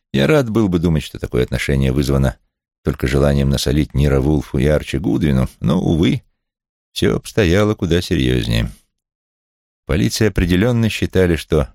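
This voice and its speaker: A man's voice: extremely low pitch, gravelly, darkish tone, no room sound, clean studio sound. A man reading a detective novel aloud as a wry first-person narrator. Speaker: audiobook reader.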